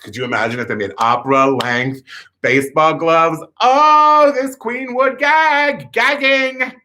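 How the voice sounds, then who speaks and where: Camp, animated male comic storyteller. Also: mid-range voice. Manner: camp, animated, acts out voices with shrieks. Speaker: comedian. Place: at home, indoors. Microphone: camera in front.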